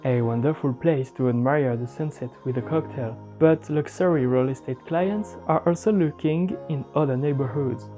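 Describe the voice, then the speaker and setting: A man whose first language is French, narrating a travel documentary in a measured, scripted way. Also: medium pitch, mellow. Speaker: documentary host. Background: music under the narration.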